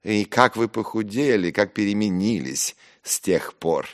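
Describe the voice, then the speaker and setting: A man's voice: extremely low pitch, wildly swooping pitch, drawn-out words, creaky, full character voice. A man voicing a haughty, domineering young officer who talks down to others. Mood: patronizing. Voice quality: condescending, loud.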